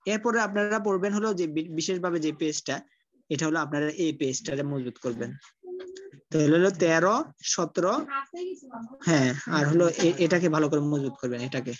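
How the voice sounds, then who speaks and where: Man teaching syllable by syllable, lo-fi. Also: fairly high pitch. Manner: colloquial, repeats himself, spells out syllables slowly. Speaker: Quran recitation teacher. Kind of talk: online tajweed class.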